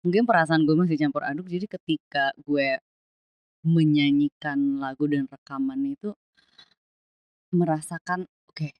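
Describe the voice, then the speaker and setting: Young woman on a podcast, low-ish voice, thoughtful, mixes in english, dry close sound. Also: fairly even intonation, a little slow, pauses often, dry recording, muffled recording. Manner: reflective, mixing English phrases into Indonesian. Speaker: podcast guest, singer. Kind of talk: casual podcast conversation.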